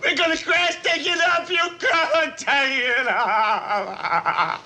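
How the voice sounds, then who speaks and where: A man's voice: very high voice, lively intonation, slow pace, noisy background, exaggerated voice. An actor playing a young man, a traumatized airman reliving a crash in a 1960s film, frantic, pleading and sobbing. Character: panicked young male bomber airman in a flashback.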